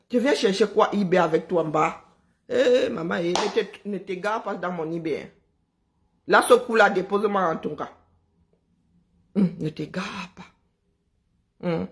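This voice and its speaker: A woman hosting a live stream, talking in an animated, sarcastic, chatty way. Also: fairly low pitch. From Cameroon. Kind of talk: casual live commentary.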